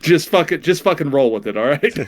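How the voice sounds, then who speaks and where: A man's voice: on the high side, expressive, fairly quick. A man co-hosting a comedy podcast, chatting casually, stammering and repeating words with some swearing. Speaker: podcast co-host.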